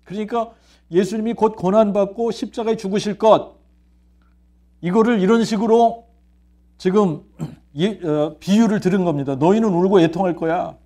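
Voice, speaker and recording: A man's voice: high voice, moderate pace, dark tone. A man, a pastor, preaching a sermon. He asks rhetorical questions, answers them himself, and repeats key phrases. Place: church sanctuary.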